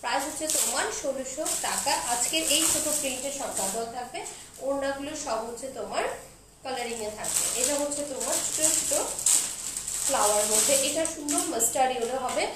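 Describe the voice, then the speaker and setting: A young woman with a Bangladeshi Bengali accent, slowly and softly chatting through a live clothing sale and reading out viewers' comments. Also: high-pitched. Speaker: online clothing seller hosting a live sale. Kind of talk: casual live-stream sales talk. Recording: roomy echo with faint background noise.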